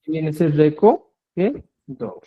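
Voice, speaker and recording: A man's voice: fairly high pitch, expressive, takes it slowly, husky, lo-fi sound. A man teaching a Quechua lesson, repeating words and checking in with his students. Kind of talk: online language lesson.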